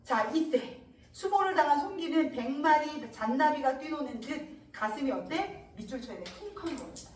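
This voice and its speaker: Lively high-voiced woman teacher. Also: normal speed, echoey room, recorded from a distance, a crowd in the background, rough recording. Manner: animated, acts out characters' lines; casual, slangy asides. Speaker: Korean literature teacher. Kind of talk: exam-prep lecture retelling a classic novel.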